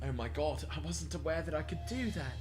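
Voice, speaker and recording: A man's voice: a little high, animated, a little fast, over music. A man reading creepy stories aloud on a live stream, casual and profane, reacting and chatting with viewers between lines.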